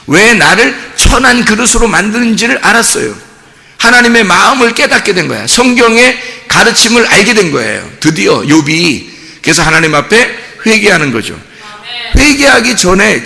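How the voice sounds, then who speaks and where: A male pastor preaching a sermon, telling the story with lively acted-out dialogue. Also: sits high, gravelly, in a large hall. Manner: animated storytelling, acting out dialogue. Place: church sanctuary.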